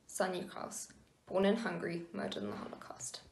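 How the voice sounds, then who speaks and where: A young woman from South Africa solemnly reading a list of names at a memorial, in a careful, measured recitation. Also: on the low side, level tone, creaky, slight background noise. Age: young adult. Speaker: memorial reader. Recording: echoey room.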